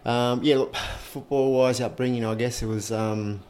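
A man's voice: medium pitch, fairly even intonation, moderate pace, darkish tone, slight background noise. A man in his forties from Chile, a former player and coach, chatting casually as a guest in his own home. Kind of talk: casual interview answers.

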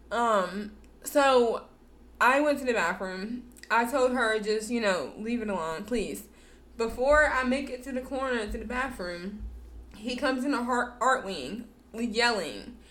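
A woman's voice: a little high, fairly bright tone. Candid young woman telling a story. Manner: candid, repeats words for emphasis. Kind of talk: casual personal storytelling.

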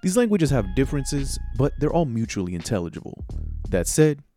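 A man's voice: mid-range voice, very animated, brisk, warm tone, soft background music. A man hosting and narrating a podcast in a conversational, scripted way. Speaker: podcast host and producer.

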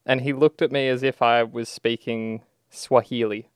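A man's voice: mid-range voice, level tone, moderate pace, clear, resonant tone, no echo. An Australian man co-hosting a podcast, chatting casually in a wry, joking, colloquial way. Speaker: podcast co-host. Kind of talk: casual chat.

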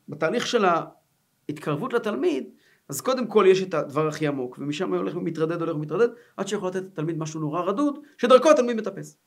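A middle-aged man, a rabbi giving a Torah lesson, animated and acting out stories as he teaches. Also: sits high, creaky.

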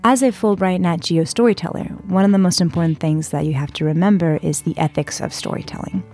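Speaking briskly over music, a San Diego woman in her twenties shares her story as an interview guest. Her voice sits on the low side, and she chats freely, leaning on fillers like "like" and "uh."

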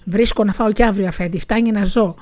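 A woman's voice: mid-range voice, steady tone, darkish tone, natural voice. A woman voicing a terrified male servant of a Persian lord, pleading and lamenting in a storybook tale.

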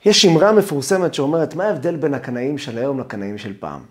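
A man, a rabbi, giving a sermon on the weekly Torah portion. He tells stories dramatically and acts out the quotes. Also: on the high side. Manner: animated, dramatic storytelling with acted quotes.

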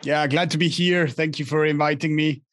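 A man's voice: on the high side, steady tone, moderate pace, a bit bright, no room sound, clean studio sound. A young man from Argentina, a guest in a casual interview, speaking with many restarts and fillers. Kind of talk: casual interview over a call.

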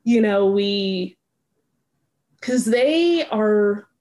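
A young woman guest on a podcast, telling a story in a lively, casual way with lots of fillers and laughter, acting out lines as she goes. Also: mid-range voice, drawn-out words. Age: young adult. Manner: animated retelling, acts out lines, laughs often, many fillers.

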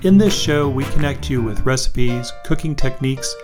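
A man's voice: medium pitch, normal speed, music in the background. A man hosting a podcast, upbeat and enthusiastic while chatting with guests. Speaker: podcast host. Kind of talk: casual interview chat.

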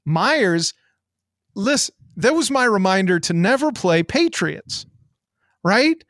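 A man hosting a fantasy sports podcast with lively banter and brash, boastful showman patter. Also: high-pitched, slow pace, dry recording, studio quality. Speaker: podcast host.

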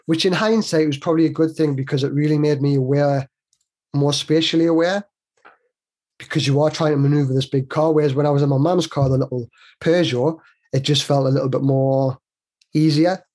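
A man in his forties tells stories as a guest, talking in a loose, rambling way. His voice sits a little high and has a husky grain. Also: steady tone, a little fast, a little mellow. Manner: chatty, rambling, with many restarts. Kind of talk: casual conversational storytelling.

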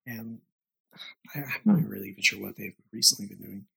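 A man co-hosting a podcast in casual chat, chiming in with quick, incredulous questions and laughter. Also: on the low side, gravelly, sharp tone. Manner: reacts with incredulous short questions. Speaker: podcast co-host.

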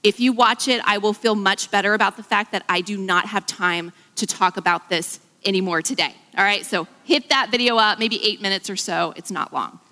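A woman giving an enthusiastic Bible teaching, animated and emphatic, slowing down to read scripture. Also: mid-range voice. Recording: long reverb of a large hall.

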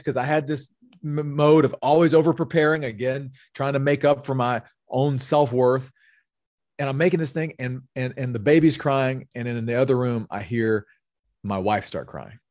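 Brief: male guest in his 40s, earnest storyteller, mid-pitch voice, dry close sound. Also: a little mellow, no echo. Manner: earnest storytelling, with frequent repeated words. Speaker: guest, sales executive. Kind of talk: personal story in a podcast interview.

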